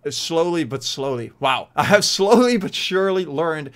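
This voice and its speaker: With a fairly high-pitched voice at a moderate pace, a twenty-something man from the Netherlands talks loosely to camera in Dutch-accented speech, full of fillers and restarts. The YouTuber gestures animatedly in his small bedroom, using a desk mic set in front of his webcam.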